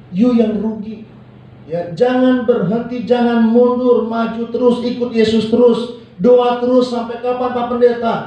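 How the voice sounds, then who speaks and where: A man preaching with a high, mellow voice in a church hall, calling on the congregation to repeat his words. The sound is roomy and echoey, picked up from a distance with faint ambience behind him. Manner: call-and-response preaching, acts out quoted people. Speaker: pastor. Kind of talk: sermon. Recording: echoey hall, mic from far off.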